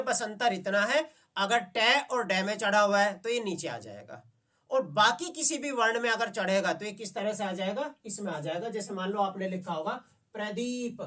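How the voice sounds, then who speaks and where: A woman's voice: medium pitch, recorded from a distance. A woman teaching a grammar lesson to children, patient and often stopping to ask whether her students have understood. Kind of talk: classroom lesson.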